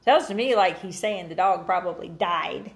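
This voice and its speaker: A woman co-hosting a casual chat with her partner, talking about pageants she enters, animated and quick to exclaim and laugh. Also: fairly low pitch, gravelly. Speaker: co-host, pageant contestant.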